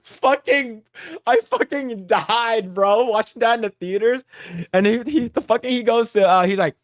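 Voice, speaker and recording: A man's voice: very high-pitched, normal speed, no room sound, clean studio sound. A man hosting a casual solo livestream, swearing freely as he riffs on movies and answers his chat. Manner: animated, profane, riffing on movies and answering chat. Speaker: livestream host.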